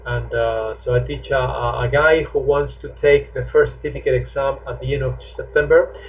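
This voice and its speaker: Jokey teacher, tinny sound. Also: male voice, medium pitch, steady tone, moderate pace. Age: 50s. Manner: chatty and jokey. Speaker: English teacher. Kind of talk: live online class, answering students. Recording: tinny phone-like stream audio.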